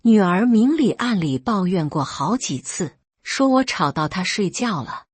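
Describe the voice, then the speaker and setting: A woman's voice: medium pitch, expressive, a little slow, slightly rough, dry recording. A woman reading a first-person family drama story aloud, briefly voicing the characters. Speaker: story narrator.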